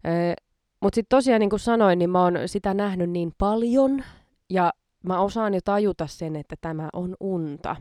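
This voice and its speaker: A woman's voice: medium pitch, a little mellow, no room sound, clean studio sound. A woman hosting a podcast in casual chat, self-mocking and laughing often between her words. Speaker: podcast host.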